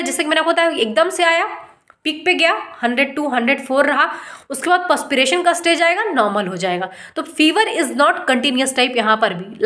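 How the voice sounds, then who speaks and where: A woman's voice: high-pitched, fairly bright tone. A woman, a doctor in her thirties or forties, giving an informal online lecture, explaining patiently and asking rhetorical questions. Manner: explains patiently, mixes English terms, asks rhetorical questions. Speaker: homeopathy doctor teaching.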